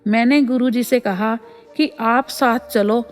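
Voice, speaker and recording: A woman's voice: fairly high pitch, fairly even intonation, slow. Woman narrating a devotional story over music. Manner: addresses listeners as sangat ji. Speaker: voice-over reader of devotee satsang stories.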